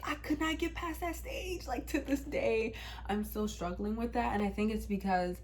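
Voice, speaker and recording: Sharing a personal story with her channel, this young D.C. vlogger in her twenties is open and talkative, filling her speech with plenty of "um"s and "like"s. Her voice is fairly high, her speed normal, and there's a little hiss or hum in the recording.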